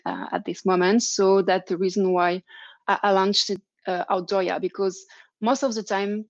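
A woman's voice: medium pitch, no echo, muffled recording. A woman with a French accent, answering interview questions with many fillers and restarts. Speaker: interview guest, company founder. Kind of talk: live interview over video call.

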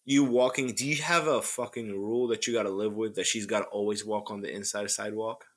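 A man's voice: fairly low pitch, steady tone, brisk, fairly bright tone. A young man co-hosting a podcast, asking questions and teasing his friend with laughter. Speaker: podcast co-host. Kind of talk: casual podcast banter.

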